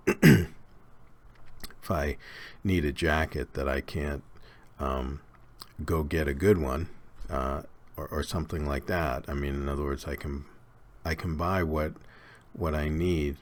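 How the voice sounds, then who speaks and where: A man giving an unhurried, conversational Bible study lecture with fillers and restarts. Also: a bass voice. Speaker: Bible teacher.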